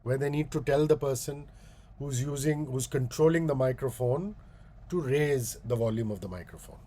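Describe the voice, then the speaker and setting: This booming-voiced man with an Indian English accent and a dark tone is a guest speaker running a public speaking workshop. His delivery is slow and deliberate, marked by long pauses and repeated demonstrations.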